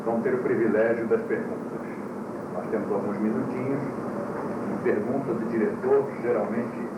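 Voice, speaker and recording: A man's voice: medium pitch, lo-fi sound. A man, a teacher giving a classroom lecture to school directors on an old VHS tape recording, teasing the class with rhetorical questions. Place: lecture room with an audience. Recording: noisy old VHS tape, echoey room, speaker far from the mic.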